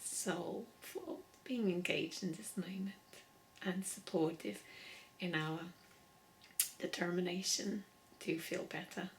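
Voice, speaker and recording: A woman's voice: on the low side, slow pace, vocal fry, slight background noise, poor audio. A woman leading a laughter yoga session, playful, laughing often and chanting vowel sounds. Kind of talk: guided exercise session.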